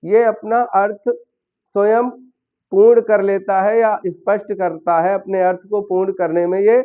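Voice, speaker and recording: A man's voice: sits high, little pitch movement, a little slow. A man teaching a basic English grammar lesson in Hindi, explaining step by step and asking his learners questions. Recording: tinny phone-like sound.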